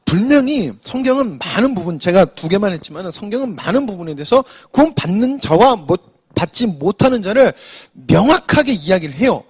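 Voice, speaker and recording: Husky, animated Korean preacher. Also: male voice, high-pitched, fairly quick. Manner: explanatory, addresses congregation with frequent "자". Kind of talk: sermon.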